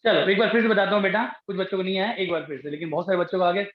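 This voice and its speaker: A man with a high voice and fairly even intonation races through a classroom chemistry lecture. He keeps encouraging his students and repeating questions to them, captured in an echoey, dull recording.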